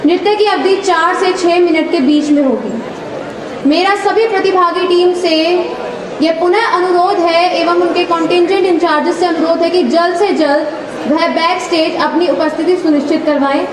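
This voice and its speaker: Give me a woman making formal stage announcements over a public address loudspeaker, in a measured, instructional manner. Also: extremely high pitch, steady tone, background noise. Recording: echoey loudspeaker sound from far off, with crowd and music behind.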